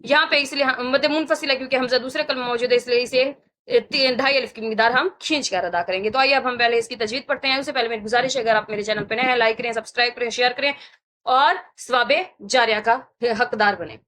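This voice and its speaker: A woman teaching Quran recitation rules, explaining patiently and repeating sounds slowly for learners to copy. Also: a little high, fairly bright tone. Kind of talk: tajweed lesson, step-by-step explanation.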